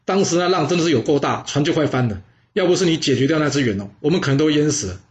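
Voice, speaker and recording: A man doing a vain, excitable old duke. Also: on the high side, very fast, lightly acted. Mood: excited. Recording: dull lo-fi sound.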